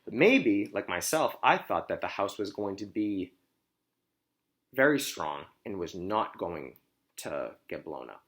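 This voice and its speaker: Sitting low in pitch yet very animated and a bit bright, a man reads a children's storybook aloud in a teacherly way. He's expressive and stops to explain and question his listeners.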